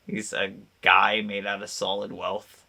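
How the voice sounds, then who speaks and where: A man co-hosting a gaming podcast in casual chat, animated and laughing often. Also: on the low side, measured pace, gravelly. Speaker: podcast co-host.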